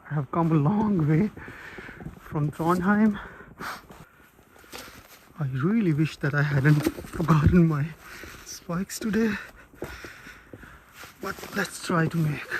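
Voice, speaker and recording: A man vlogging casually outdoors as he trudges carefully along an icy trail, talking in halting phrases. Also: on the high side. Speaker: hiking vlogger. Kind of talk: casual outdoor vlog narration to camera. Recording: clear outdoor background noise.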